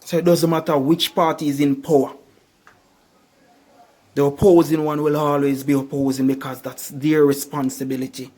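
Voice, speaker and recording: A man delivering a motivational speech in a somewhat higher register. He hammers his points home with repeated rhetorical questions and leans slowly on the words that matter. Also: little pitch movement, a little mellow. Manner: emphatic, repetitive rhetorical questions. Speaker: motivational speaker.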